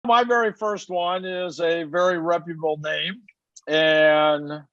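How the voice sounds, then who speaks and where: A man's voice: on the high side, fairly even intonation, slow pace, a bit bright, no echo, dull audio. An older man, a retired umpire, casually telling stories with lots of "you know" asides. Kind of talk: casual anecdote.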